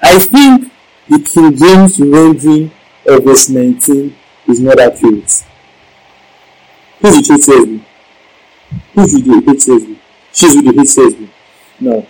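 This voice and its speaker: A man's voice: medium pitch, expressive, unhurried, pauses often, dark tone, rough recording. A male preacher giving a Bible-teaching sermon, emphatic, repeating key lines and asking the congregation questions.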